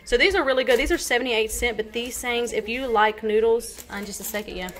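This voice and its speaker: Speaking fast in a slightly bright voice on the high side, a vlogger in her thirties chats through her groceries in her home kitchen. She lists the items casually with plenty of ums and likes, and the clip is filmed on a handheld phone.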